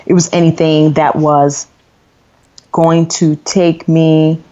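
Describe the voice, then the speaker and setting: In a lo-fi, dull-sounding interview, the guest is a woman in her thirties, born in Nigeria, who writes books and a blog. She speaks at a slow pace in a fairly low voice, open and at ease, with many fillers.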